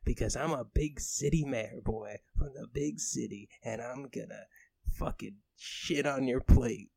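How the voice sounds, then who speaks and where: Improv bit: a man as an abusive, pompous British city mayor, gravelly bark. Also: mid-range voice, no echo. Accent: put-on British. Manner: bullying, insulting, drawn-out shouting. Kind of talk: improvised comedy role-play.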